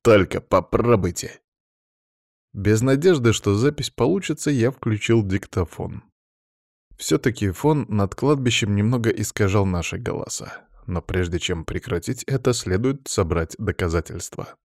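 A man narrating a fantasy audiobook in the first person with steady, measured storytelling. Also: lowish voice, no echo, clean studio sound.

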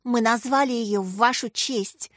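A woman's voice: on the high side, unhurried, a bit bright, no room sound, studio quality. A woman voicing a cheerful, sly little schoolgirl in a storybook reading. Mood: excited.

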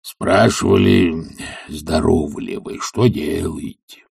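A man's voice: low-pitched, slow pace, vocal fry, darkish tone, slightly rough, dry recording, clean studio sound, full character voice. A man voicing an old, stubborn male servant who mutters sullenly, in an audiobook. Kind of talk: audiobook character reading.

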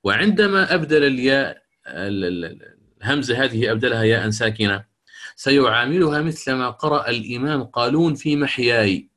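A middle-aged man lecturing on Quran recitation rules, asking questions and answering them himself, and chanting verses slowly as examples. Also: medium pitch, expressive, a bit bright.

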